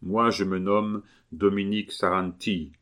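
Guy doing a stern monk, firm and a bit louder, low voice. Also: little pitch movement, measured pace. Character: stern young monk, grave and controlled.

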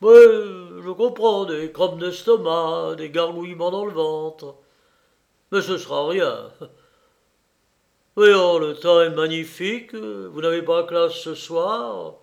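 A man voicing an excitable, boastful fencing master in an audiobook, loud and theatrical. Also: on the high side, slow, creaky, highs cut off. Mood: mocking. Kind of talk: audiobook character voice.

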